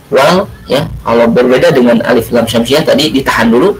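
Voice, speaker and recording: A male religious studies teacher explaining Quran recitation rules, drawing out chanted Arabic words slowly between explanations. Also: medium pitch, slight background noise, low-quality recording. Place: home or classroom, recorded for remote learning.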